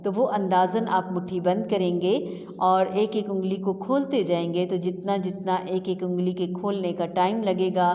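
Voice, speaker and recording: A woman teacher leading a slow recitation lesson, spelling out syllables patiently and drawing out each sound. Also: fairly low pitch, fairly even intonation, dark tone, muffled recording. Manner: patient, drawn-out syllable drills. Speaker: Quran reading teacher. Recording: long reverb with faint music.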